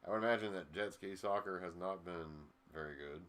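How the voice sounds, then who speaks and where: A man's voice: sits low, brisk, fairly bright tone. A man co-hosting a casual sports chat, laid-back and rambling, swearing now and then. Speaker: podcast co-host.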